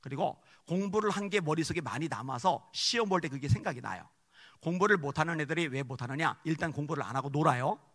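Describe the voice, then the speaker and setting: A pastor preaching a sermon, moving between quiet storytelling and shouted exhortation. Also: male voice, on the high side, lively intonation, fast talker. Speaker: guest pastor. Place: church sanctuary. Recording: long church hall reverb.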